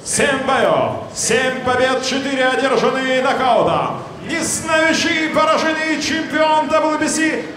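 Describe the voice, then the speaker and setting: A man announcing as a boxing ring announcer, theatrical and booming, stretching out names. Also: slow pace. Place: indoor boxing venue, at the ring. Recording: echoey PA in a noisy crowded hall.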